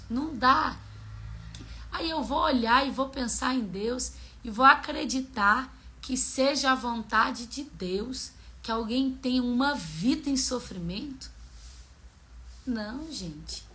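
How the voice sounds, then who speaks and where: A woman's voice: fairly high pitch, pushed and bright. A woman hosting a daily Bible reading, talking about faith in an earnest, personal way and telling stories from her own life. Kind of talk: casual devotional talk.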